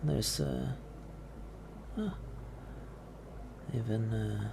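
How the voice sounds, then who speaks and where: A man's voice: medium pitch, extremely slow, gravelly. A man narrating a tabletop game as game master, hesitant with many fillers and restarts. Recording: steady background noise.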